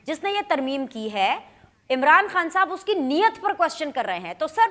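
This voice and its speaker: A woman's voice: extremely high pitch, a bit bright. A woman with a Pakistani Urdu accent hosting a news talk show, putting pointed, pressing questions to a guest.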